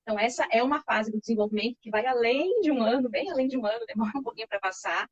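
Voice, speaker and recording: A woman, calmly explaining baby development as an interview guest, reassuring and patient, often checking in with tag questions. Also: a little high, very fast, husky, dry recording. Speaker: child development expert guest. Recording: slightly muffled lo-fi recording.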